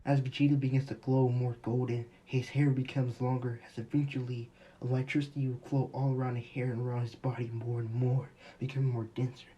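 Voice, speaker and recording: A man's voice: mid-range voice, flat delivery, fairly quick, few pauses, mellow, slightly rough. A young man casually narrating a fan-made story in a rambling, offhand way. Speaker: YouTube storyteller.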